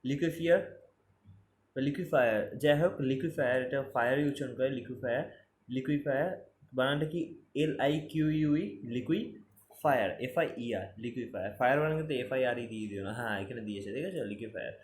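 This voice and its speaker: A fast-talking man of medium pitch spells words out letter by letter for exam preparation, repeating them to drive them home. There's roomy echo, faint ambience, and a little hiss or hum in the recording.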